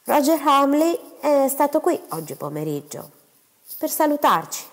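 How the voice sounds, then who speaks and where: A woman's voice: high-pitched, big pitch swings, unhurried, pitched above the performer's own voice, full character voice. A woman voicing a coy, scheming middle-aged stepmother who talks in a sly, knowing way. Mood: eager. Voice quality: sly, knowing, lightly teasing. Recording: long hall reverb.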